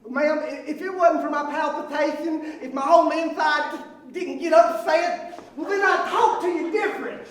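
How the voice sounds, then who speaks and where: A man's voice: extremely high pitch, steady tone, normal speed. A man playing an indignant, stubborn hypochondriac landowner in a comic stage play, with a folksy Southern US accent. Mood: faint, panicking. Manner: blustering, folksy, argumentative. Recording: echoey stage performance recorded from far off.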